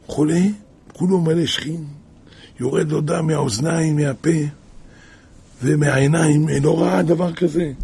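Husky gravelly guy giving a sermon, telling stories, kinda high voice, lots of questions to the crowd. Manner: animated, asks rhetorical questions. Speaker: preacher. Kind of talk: sermon with storytelling.

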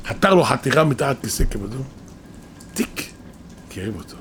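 A man preaching a sermon, telling stories animatedly and breaking into sudden shouts. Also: mid-range voice, lively intonation, background noise.

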